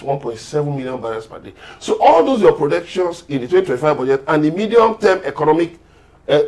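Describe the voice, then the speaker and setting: Fairly high-pitched and a little mellow, the voice belongs to a man with a Nigerian accent who urges and insists emphatically as a guest on a political panel.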